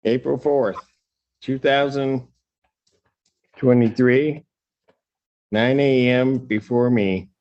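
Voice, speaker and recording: A man speaking as a judge, heard on a courtroom recording, measured and deliberate. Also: medium pitch, steady tone, darkish tone, muffled recording.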